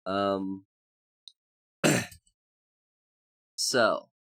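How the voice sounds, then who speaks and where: A VTuber chats casually on a livestream, rambling with many fillers and greeting viewers by name. The voice is congested and hoarse, sitting low and a bit bright, and the pace is very slow.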